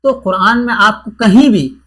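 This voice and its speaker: A man's voice: high voice, a bit bright. A man teaching an exam-prep grammar lesson, who repeats each point and asks and answers his own questions.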